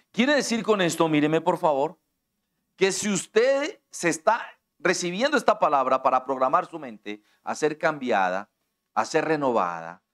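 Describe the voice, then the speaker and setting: Middle-aged Colombian pastor, a touch high in pitch, preaches directly to the congregation and leans on everyday examples. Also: male voice. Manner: direct, conversational preaching that addresses listeners personally; explains with everyday examples and acts out quoted dialogue. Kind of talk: sermon.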